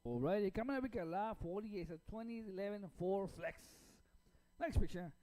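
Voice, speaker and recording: A man's voice: sits high, animated, a little fast, warm tone. A man announcing auction lots, listing details in a clipped way.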